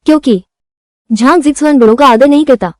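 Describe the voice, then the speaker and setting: A woman dubbing a bold young village wife in a period drama, firm and defiant and gentle with the injured. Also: high-pitched, a little fast, dry recording, studio quality, natural voice. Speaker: dub actress. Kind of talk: Hindi dub of a period drama.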